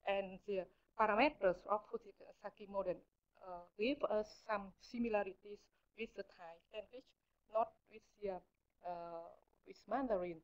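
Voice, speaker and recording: After presenting, a hesitant Vietnamese-accented woman researcher answers questions from the audience, pausing often and starting sentences over while searching for words. She speaks at medium pitch, captured on a muffled lecture recording.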